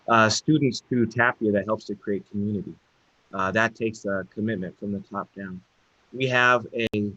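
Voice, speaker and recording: A male computing professor on a panel, speaking in halting, broken phrases over a video call whose connection keeps breaking up. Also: fairly low pitch, sharp tone, no room sound, dull audio. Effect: unstable online connection breaking up. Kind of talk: panel discussion.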